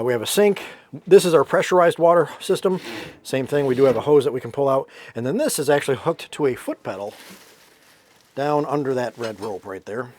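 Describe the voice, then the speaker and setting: A man's voice: mid-range voice, darkish tone. A man giving a casual, rambling walkthrough of his sailboat's cabin, with fillers and self-corrections. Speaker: sailboat owner giving a tour.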